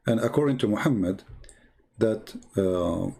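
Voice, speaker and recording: This non-native English speaker, a religious commentator hosting a show, delivers an informal, emphatic explanation over shortwave radio, restating his phrases as he teaches. His lowish voice is expressive, warm, creaky and husky, and he talks a little slowly.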